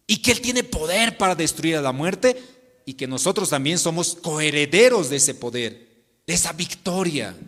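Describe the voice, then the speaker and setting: Impassioned man preaching in a reverberant church. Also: fairly high pitch. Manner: impassioned, swinging between loud declarations and hushed pleas. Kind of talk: sermon. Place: church sanctuary.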